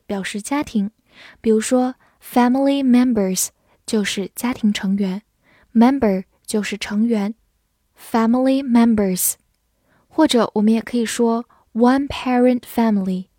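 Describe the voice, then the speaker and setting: A woman teaching English vocabulary, spelling words letter by letter and reading example sentences slowly. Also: fairly high pitch, warm tone, no echo, clean studio sound. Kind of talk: vocabulary lesson.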